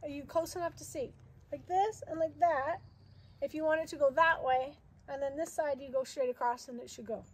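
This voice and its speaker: High-voiced chatty woman outdoors. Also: steady tone, a little fast. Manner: chatty, upbeat, explaining step by step. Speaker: vlogger. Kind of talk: casual how-to demonstration. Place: backyard garden outdoors.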